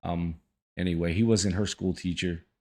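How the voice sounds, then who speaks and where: A man's voice: deep voice, steady tone, moderate pace, a little mellow. A man giving casual, folksy reaction commentary as the host of a video channel.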